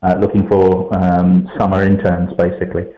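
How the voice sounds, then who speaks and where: A man's voice: deep voice, completely flat delivery, moderate pace. A man calling in to a radio show over a poor, robotic-sounding headset line from a co-working space, explaining in an easygoing, meandering way. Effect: warbly, robotic-sounding call over a poor line, like a headset link. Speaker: regular tech contributor calling in. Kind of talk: casual radio phone interview. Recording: echoey, dull lo-fi call line.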